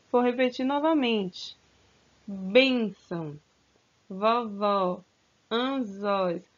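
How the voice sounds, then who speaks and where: A woman teaching a recorded grammar lesson to children, stretching out words and coaxing them with questions. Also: high voice. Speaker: school teacher. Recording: slightly dull, lo-fi sound.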